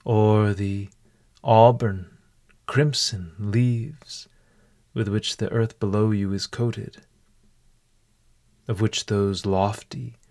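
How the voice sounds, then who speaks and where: A man leading a guided walking meditation in a calm, deliberate, measured way. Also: lowish voice.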